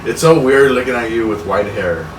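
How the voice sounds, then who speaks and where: A man's voice: mid-range voice, expressive, a little fast, a crowd in the background. A man co-hosting a podcast, laid-back and telling corny jokes in casual chat. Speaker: podcast co-host. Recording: echoey room, mic at a distance, loud noise.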